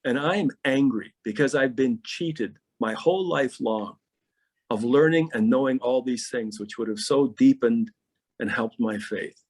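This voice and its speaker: Husky-voiced pastor telling stories animatedly. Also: male voice, medium pitch, measured pace. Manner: animated storyteller, often repeats words when starting a thought. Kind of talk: conversational podcast interview.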